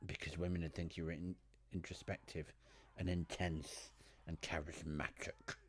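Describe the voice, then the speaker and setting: A man's voice: low voice, level tone, normal speed, a little hiss or hum. A man chats over a video game. His commentary is casual and jokey, like banter with a friend. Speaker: gamer commentating on a playthrough.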